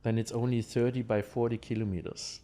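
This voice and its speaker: A German man with a German accent explains things in an interview, talking conversationally and haltingly while checking in with his listener. His voice is medium-pitched, level and warm.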